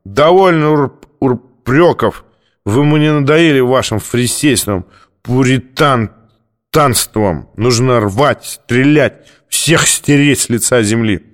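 A belligerent drunk young man, as a male reader puts him on, shouting slurred threats in a pitched-up, strained voice. He rants and lurches from insult to insult in an audiobook reading. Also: takes it slowly, close to an everyday voice. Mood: ranting.

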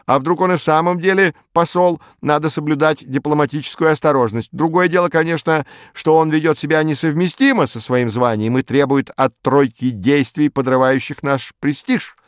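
A man's voice: fairly high pitch, normal speed, hardly any pauses, clean tone, dry recording, clean studio sound, voice pushed up, lightly acted. A man voicing a fussy, pedantic male official who lectures insistently. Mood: lecturing.

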